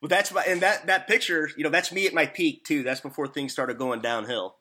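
A man's voice: fairly high pitch, steady tone, fairly quick, sharp tone. A man from Missouri with a Southern-sounding hillbilly twang, chatting casually and folksily as an interview host. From Missouri, United States. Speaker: podcast host interviewing a guest.

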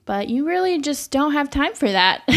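Young woman with a creaky voice. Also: high-pitched, big pitch swings, takes it slowly. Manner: reflective, chatty, laughs often. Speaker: nurse, podcast guest. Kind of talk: casual podcast chat.

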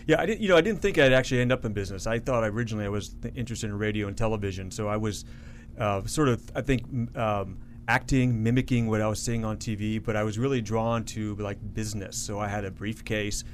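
Earnest talkative man, lowish voice. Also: fast talker, a little hiss or hum. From Florida, United States. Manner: earnest, talkative, self-correcting. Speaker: guest, association CEO. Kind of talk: radio interview.

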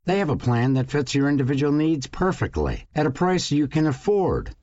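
A man reading a scripted radio commercial as an announcer, with an emphatic sales-pitch delivery. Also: sing-song, moderate pace, darkish tone, dry recording, highs cut off. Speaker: advertisement announcer.

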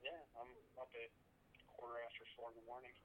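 A man on a phone call heard over speakerphone, chatting casually with a friend in an easygoing, unhurried way that trails off between thoughts. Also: mid-range voice, monotone, sharp tone. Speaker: friend calling in.

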